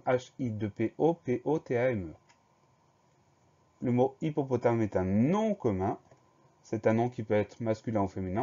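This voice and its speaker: A man teaching a spelling dictation lesson, going slowly and carefully and spelling each word letter by letter. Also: mid-range voice, mellow, muffled recording.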